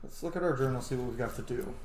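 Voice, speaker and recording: Rambling and thinking out loud, a role-playing game streamer talks very fast while casually commenting on the gameplay. The voice is medium-pitched with a darkish tone. There's faint background noise and a roomy echo in the audio.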